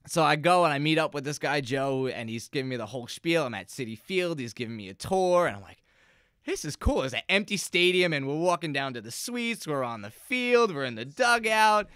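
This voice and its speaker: A young man with a bright, ringing voice talks casually into a close podcast mic and tells stories about his gigs. His tone is smooth and clear. He slips into little quoted voices of the people he describes, and the sound is dry with no room around it. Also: on the high side, lively intonation, brisk, few pauses, no room sound. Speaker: musician guest. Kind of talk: casual interview storytelling. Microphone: close podcast microphone.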